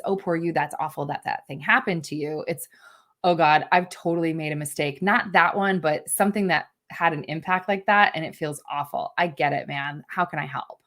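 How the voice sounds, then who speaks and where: A woman coaching teams in a live online workshop, talking casually and upbeat, often tagging her points with "right?". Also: medium pitch. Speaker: team coach presenter.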